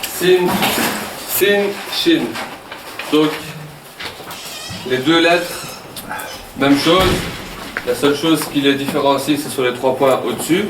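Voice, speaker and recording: A male teacher from Wallonia, speaking with a Walloon Belgian French accent, guides a class through new material patiently, repeating and checking understanding with a joke now and then. His voice sits at an ordinary pitch. The mic catches him from a distance, in a classroom with a lot of echo and some faint noise. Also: takes it slowly, pauses often. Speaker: Arabic teacher. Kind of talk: classroom lesson. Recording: echoey classroom from far off.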